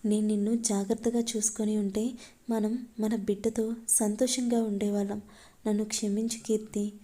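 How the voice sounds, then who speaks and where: A woman's voice: mid-range voice, little pitch movement, normal speed, warm tone, lightly acted. A woman voicing a caring husband who anxiously consoles his wife. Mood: consoling.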